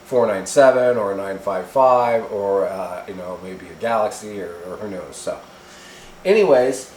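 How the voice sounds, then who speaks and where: A video host unboxes and demos radio gear in an unscripted review from his home kitchen, speaking with a fairly low-pitched, darkish voice. His talk is halting, rambling and folksy, captured in an echoey room with some faint noise.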